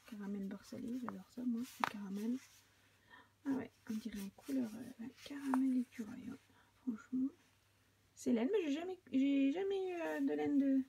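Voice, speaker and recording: A woman's voice: high voice, gravelly, dark tone, slight background noise. A middle-aged French woman hosting a podcast, chatting casually as she unboxes a parcel, often half-whispering and gushing. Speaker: podcast host.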